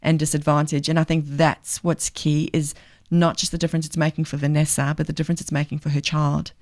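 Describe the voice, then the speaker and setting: A woman's voice: low-pitched, little pitch movement, fairly quick, a little mellow. Guest: middle-aged woman, faint South African accent, earnest and emphatic. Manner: earnest, emphatic, thinks aloud with fillers. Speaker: guest, charity leader. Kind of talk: podcast interview.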